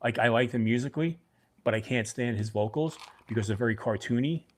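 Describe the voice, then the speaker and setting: This is a middle-aged man from Brooklyn, with a New York–New Jersey accent, running a casual livestream chat. His medium-pitched voice moves fairly quickly as he rambles and calls out chat viewers by name.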